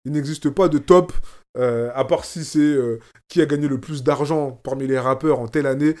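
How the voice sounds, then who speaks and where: In a casual conversation, a French rapper based in Oslo appears as a guest, emphasizing ideas through repeated phrases. His medium-pitched voice has a darkish tone and moves at a moderate pace.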